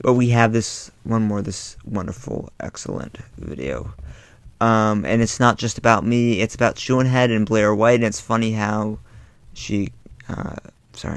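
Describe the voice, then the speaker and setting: A man's voice: fairly low pitch, dry recording. Exasperated man on a dry close mic. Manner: exasperated, rambling with fillers. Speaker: YouTube commentator. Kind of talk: casual commentary vlog. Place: bedroom.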